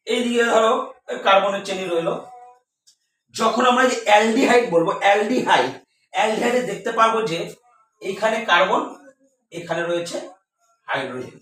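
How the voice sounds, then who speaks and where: A man's voice: high voice, a bit bright. A man teaching a chemistry lesson, who asks questions and answers them himself and repeats key words. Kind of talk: classroom lesson at a board. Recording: echoey room, voice from far off.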